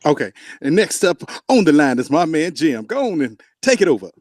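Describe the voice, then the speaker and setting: A man's voice: a little high, very animated, fairly quick, a little mellow, dry recording, clean studio sound. A man hosting a casual podcast, playful and fond of repeating himself as he introduces the panel. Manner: playful, repeats "all right". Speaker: podcast host.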